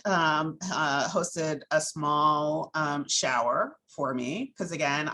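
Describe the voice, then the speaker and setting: A woman's voice: sits low, a bit bright, poor audio. A woman guest telling personal stories candidly, with many ums and restarts and frequent laughter. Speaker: interview guest.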